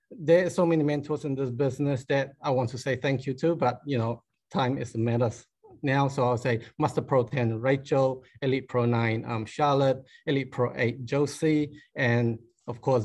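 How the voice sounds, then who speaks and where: A man's voice: mid-range voice, fairly even intonation, moderate pace, a little mellow. A man with a Malaysian accent giving an informal, chatty motivational business talk with a self-deprecating touch and short emphatic phrases. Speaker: conference guest speaker.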